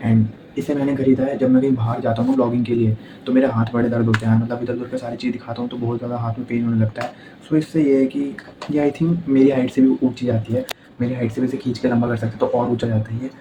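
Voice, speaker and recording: A young man rambles through his day in a brisk, flat-toned daily vlog, filmed on a phone he holds himself. Clear background noise sits under his voice throughout. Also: mid-range voice. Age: young adult. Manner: chatty, rambling, talking to camera about his day. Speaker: vlogger. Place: home and rooftop. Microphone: phone held in hand.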